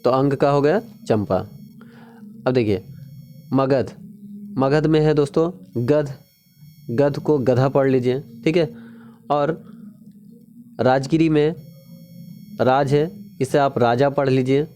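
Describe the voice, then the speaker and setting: A man with a mid-range, dark-toned voice teaches a casual exam-prep lesson over slight background noise. He repeats key words, keeps checking in with the viewer by asking "ठीक है?", and runs drawn-out, sing-song pronunciation drills.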